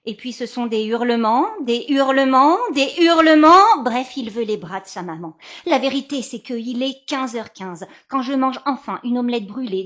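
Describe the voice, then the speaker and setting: Woman, thirties, guest columnist, acted storytelling monologue, theatrical, shifts between loud and hushed, slightly high voice.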